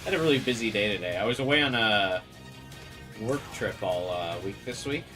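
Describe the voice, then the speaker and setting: A man's voice: fairly low pitch, animated, brisk. A man chatting casually as he streams a video game. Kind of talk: casual chat while gaming. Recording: game music playing behind voice. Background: game music and audio.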